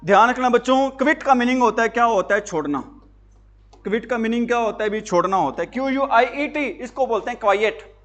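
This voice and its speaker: A high-voiced man lectures a class on grammar. He fires questions at his pupils, then answers them himself, repeating key words with emphasis. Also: fairly quick, a bit bright. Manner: repetitive, emphatic teaching. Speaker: English teacher for job exams.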